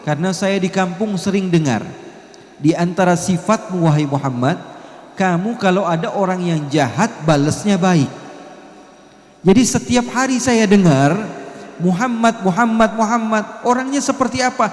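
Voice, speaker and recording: A preacher putting on a blunt, rough-spoken Bedouin villager. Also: male voice, high-pitched, normal speed, natural voice. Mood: blunt, demanding. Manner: coarse, demanding, frank. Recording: echoey hall reverb.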